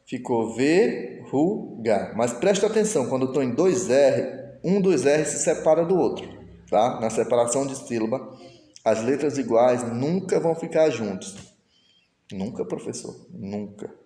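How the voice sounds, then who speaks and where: A man's voice: medium pitch, animated, normal speed, mellow. A male teacher, patiently explaining a lesson step by step and voicing his students' questions himself. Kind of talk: recorded online lesson. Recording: echoey room with long reverb.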